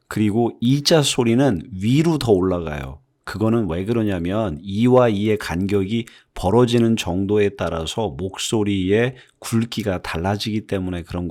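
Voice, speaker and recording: A fairly low, slightly mellow male voice belongs to a native Korean speaker teaching English phonics in a video lesson. He patiently explains and repeats example words to demonstrate the vowel sounds.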